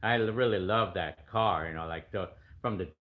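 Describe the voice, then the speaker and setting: A deep-voiced man in his fifties goes through viewer comments as a YouTube creator, speaking at a moderate pace with a fairly bright tone. His chat is casual and rambling, full of restarts and filler words.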